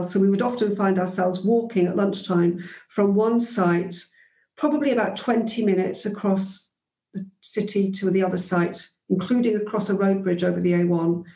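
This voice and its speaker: Recalling her time as a teacher, a woman interview guest reflects thoughtfully in conversational storytelling, with frequent ums and restarts. Her warm, medium-pitched voice comes through an echoey room on a low-quality recording.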